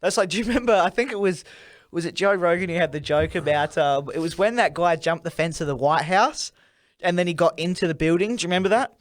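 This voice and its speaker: High-voiced young man, rambling. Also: quick pace. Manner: rambling, swears a lot, laughs often. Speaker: podcast co-host. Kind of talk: casual banter.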